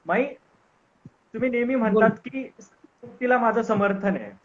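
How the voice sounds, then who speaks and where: A man's voice: extremely high pitch, normal speed, highs cut off. A man hosting an interview, asking polite, hesitant questions with filler sounds. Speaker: interview host.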